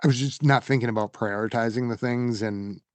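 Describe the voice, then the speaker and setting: A man co-hosting a gaming podcast, chatting casually and trailing off as he rambles through shout-outs. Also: medium pitch, fairly quick, no echo. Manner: relaxed, rambling, trails off softly. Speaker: podcast co-host. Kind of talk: casual chat.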